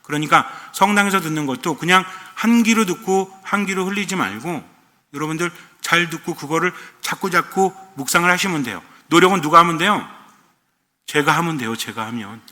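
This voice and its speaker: Bright-voiced Korean priest preaching in a hall. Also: male voice, fairly high pitch, a little fast. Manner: rhetorical questions answered himself. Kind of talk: sermon.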